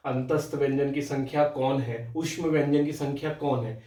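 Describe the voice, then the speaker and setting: A man's voice: mid-range voice, steady tone, moderate pace, dark tone, roomy sound, recorded from a distance. A young man teaching a Hindi grammar lecture for exam aspirants, explaining patiently, repeating words and often checking in with his students.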